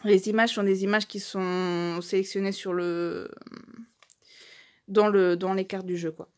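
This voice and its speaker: A woman doing a casual unboxing commentary, gushing over small items, with many fillers and restarts, reading English phrases slowly and stumbling. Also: mid-range voice, flat delivery. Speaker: YouTuber unboxing a tarot deck.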